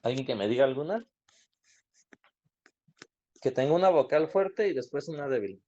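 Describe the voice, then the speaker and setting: A man's voice: mid-range voice, expressive, moderate pace, a little mellow. A man teaching an online grammar class, explaining patiently and asking students questions. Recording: dull lo-fi online class audio.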